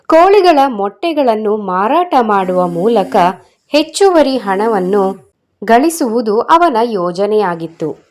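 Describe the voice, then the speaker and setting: A woman reads a scripted moral tale for children, telling it in a measured and expressive way. Her voice sits a little high.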